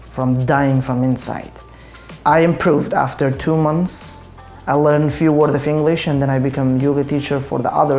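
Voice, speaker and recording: Gravelly young man. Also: mid-range voice, a little mellow. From Afghanistan. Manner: earnest, reflective, halting second-language English. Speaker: yoga teacher and project founder. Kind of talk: documentary interview.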